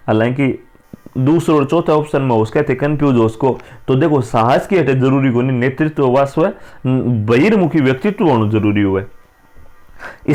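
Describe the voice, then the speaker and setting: This man speaks in a mid-range, darkish voice with a Rajasthani accent. He's a teacher running an exam-prep lesson, explaining answers to exam questions casually and chattily while mixing his dialect into Hindi.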